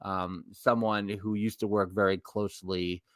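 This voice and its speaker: Podcast co-host: middle-aged man, New York accent, rambling and self-correcting, low-pitched, dry close sound. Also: level tone, a little slow, fairly bright tone, dry recording. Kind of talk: casual podcast chat.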